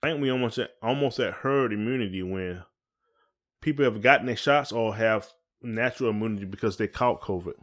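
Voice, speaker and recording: A man with a lowish voice talks slightly quickly as co-host of a conversational podcast. He's folksy and long-winded, restating phrases as he goes.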